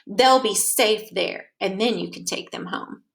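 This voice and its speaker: A woman's voice: medium pitch, a little slow, creaky. A woman voicing a kindly, easygoing male mouse schoolteacher in a children's storybook. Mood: calm, firm.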